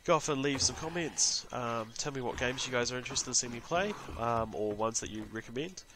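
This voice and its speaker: Brisk and mid-range, a male voice comes through a noisy background. The speaker, a gaming channel host with a New Zealand accent, offers rambling, chatty commentary during a casual let's-play, talking to himself in between addressing viewers.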